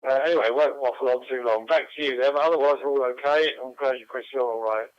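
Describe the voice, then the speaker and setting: Fast-talking man closing a radio over. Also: medium pitch, no room sound, highs cut off. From South Wales. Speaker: net caller.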